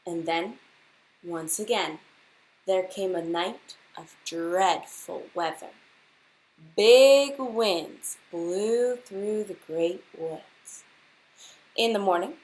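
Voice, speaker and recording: Her mid-range voice carries a children's story read aloud to a class, teacher-style, expressive and unhurried, with questions put directly to the kids. The recording is rough.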